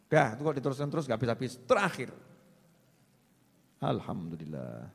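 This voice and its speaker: A man with a Javanese accent preaching, answering a question in an animated, teasing way and slipping in local words. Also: mid-range voice, racing. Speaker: Islamic preacher. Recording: long reverb of a large hall.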